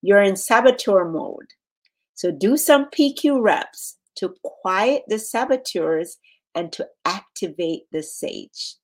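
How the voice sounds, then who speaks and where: A woman coaching in a measured, instructional way, leaving pauses as she guides a relaxation exercise. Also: medium pitch, expressive. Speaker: relaxation and mental fitness coach.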